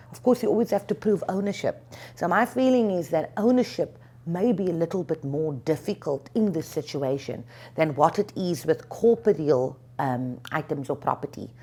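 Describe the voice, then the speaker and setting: Low-pitched woman explaining law. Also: darkish tone, husky. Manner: measured, thinks aloud with frequent "um" and "you know". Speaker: attorney and lecturer, interview guest. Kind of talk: explanatory legal discussion.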